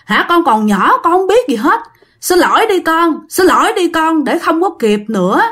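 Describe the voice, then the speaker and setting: A woman's voice: very high-pitched, very animated, normal speed, fairly bright tone, pitched above the performer's own voice, heavily acted. A woman voicing an unseen male uncle spirit who urgently pleads with a child. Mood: urgent pleading.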